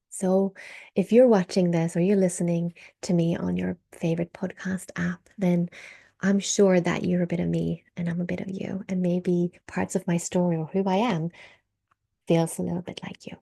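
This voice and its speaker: A woman in her thirties with a Swedish accent tinged with American and Australian English, speaking as a podcast host in a gentle, reflective way that trails into soft breathy asides. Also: on the low side, little pitch movement, normal speed. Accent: Swedish, mixed with American and Australian English. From Sweden. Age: 30s. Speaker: podcast host and birth work mentor. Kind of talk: personal podcast monologue.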